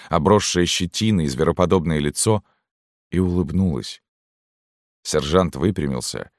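A man narrating a classic novel in a measured, steady way. His voice is very deep and low. The recording is dry and close. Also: dry recording. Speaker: audiobook narrator. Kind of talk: scripted literary narration.

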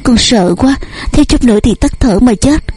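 A woman's voice: fairly high pitch, lively intonation, moderate pace, a little mellow, breathy edge. A woman voicing a frightened, tearful young daughter who pleads with her mother. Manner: pleading, sobbing.

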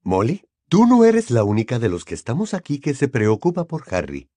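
A composed, firm middle-aged wizard, voiced by a male narrator. The tone stays measured while the pitch moves expressively, in a dry recording. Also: no room sound. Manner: calm, firm.

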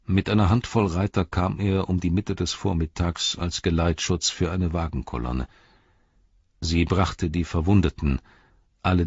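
A man narrating an audiobook in a steady, measured storytelling voice. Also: low voice, slightly rough, no echo. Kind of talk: scripted narration. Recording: dull, slightly lo-fi dry recording.

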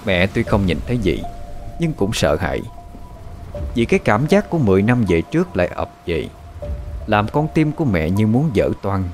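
A man narrating a horror story in a dramatic, expressive style. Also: on the low side, moderate pace. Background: faint background music.

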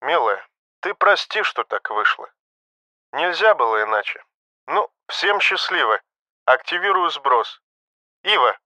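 A man voicing a calm young male ship engineer who speaks very quietly and tenderly to the woman he loves. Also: a little high, a little fast, few pauses, dry recording, full character voice.

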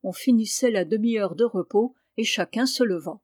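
A woman reading a classic storybook aloud with calm, measured narration. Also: medium pitch, no echo, studio quality. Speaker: reader.

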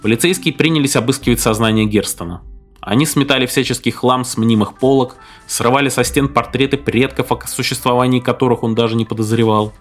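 A man reads a story aloud in his ordinary middle-pitched voice. Faint music plays under the narration. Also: steady tone, a little fast. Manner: acts out every figure's lines himself. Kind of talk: audiobook narration.

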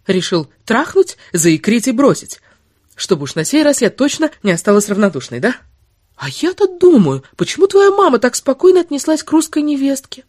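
Woman narrator doing an angry, wounded young woman in an audiobook; high, loud, biting. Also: big pitch swings, normal speed, no room sound, clean studio sound. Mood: furious. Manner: shouting insults, biting sarcasm. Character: furious sarcastic young woman, wounded and defiant.

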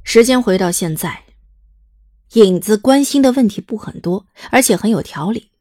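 A woman's voice: mid-range voice, animated, moderate pace, mellow. A woman reading scripted, dramatic story narration as an audiobook narrator.

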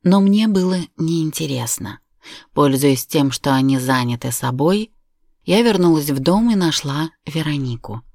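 A woman reads a first-person story aloud with measured, steady pacing. Her voice sits low, and the recording is close and dry. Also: no echo. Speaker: audiobook narrator. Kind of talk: scripted narration.

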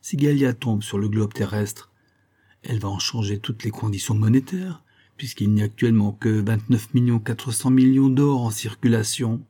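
A man's voice: fairly low pitch, moderate pace, mellow, natural voice. A man voicing a big nobleman who speaks earnestly. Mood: worried. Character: big male nobleman, adult.

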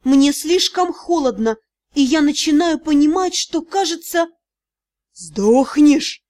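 A woman's voice: high-pitched, measured pace, a little mellow. A woman reading a first-person fantasy audiobook with a dramatic, emotional delivery. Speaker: audiobook narrator.

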